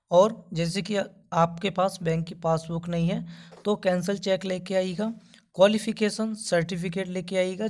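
A man's voice: sits high, darkish tone. A man hosting a job-vacancy channel, giving a voice-over announcement and repeating instructions step by step. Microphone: voice-over over screen notes.

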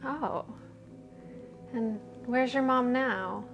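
Woman acting a high-voiced, polite young girlfriend. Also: drawn-out words, muffled recording, soft background music. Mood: awkward, polite. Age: young adult. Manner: polite, hesitant. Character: polite, awkward young girlfriend of a single father. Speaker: actor. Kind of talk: naturalistic scripted drama acting. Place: indoors in an apartment.

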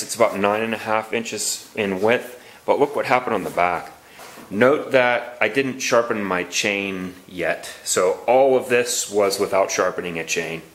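A man's voice: on the low side, fairly bright tone. A man hosting a hands-on woodworking demonstration, explaining his technique in a practical, thinking-aloud way with small restarts, recorded on the camera mic outdoors and then in a garage. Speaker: woodworking channel host.

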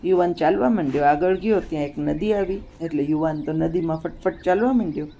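Woman storyteller, moral story narration, mellow tone, dull lo-fi recording. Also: deep voice, a little fast, a little hiss or hum.

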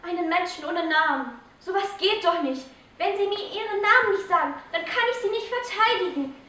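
A woman's voice: very high-pitched, expressive, normal speed, pushed and bright, heavily acted. A young woman acting on stage as an earnest advocate pressing a stubborn woman for answers. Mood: insistent. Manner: insistent, urging questions. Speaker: stage actor in a school theatre group. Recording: echoey hall from far off.

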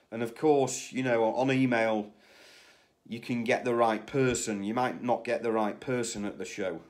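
A man in his forties, seated indoors, giving casual rambling advice on a live stream, full of fillers and restarts, recorded on a phone at arm's length. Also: medium pitch. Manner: rambling, frequent fillers and restarts, gestures with hands. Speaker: host of a live stream on flipping surplus goods. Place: small indoor room, sitting in an office chair. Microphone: phone camera at arm's length.

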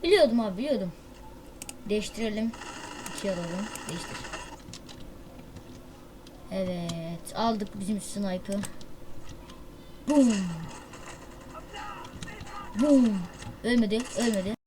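A woman hosting a gaming channel, giving excitable, slangy live commentary on a mobile shooter with loud outbursts and self-mocking banter. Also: mid-range voice, slow, pauses often, background noise.

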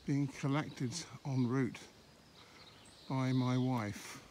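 A middle-aged Englishman narrates his country walk for a vlog, speaking casually in a medium-pitched, flat, darkish voice. He holds his phone camera as he walks lanes and fields, pausing mid-sentence amid faint outdoor background noise.

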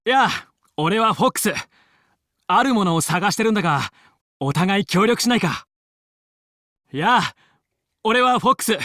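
A man playing a young, confident fox space pilot and team leader in a video game, brisk, determined and commanding yet friendly. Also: sits high, animated, pushed and bright, dry recording, clean studio sound. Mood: friendly, earnest. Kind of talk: Japanese video game voice acting.

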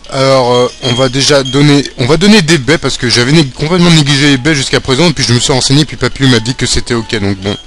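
A young man talks through his game run in a loose, chatty way. He gets excitable and swears at the screen when a fight turns against him. Faint game music plays underneath. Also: medium pitch. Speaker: let's play gamer. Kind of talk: live game commentary.

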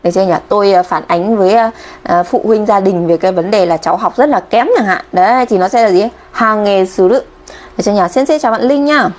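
A woman's voice: mid-range voice, a little mellow. A woman from Vietnam teaching Japanese kanji on a live stream, chatty and checking in with viewers constantly.

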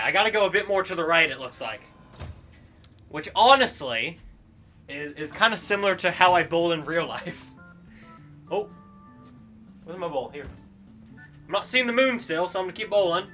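Young man, high-pitched bright voice, excited game streamer, exclamatory jokey slang, music behind. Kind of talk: excited gameplay commentary.

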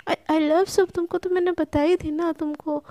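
A woman voicing a hot-tempered, stubborn young woman who bickers in a loud, shrill, stammering way. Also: little pitch movement, unhurried, no room sound. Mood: flustered.

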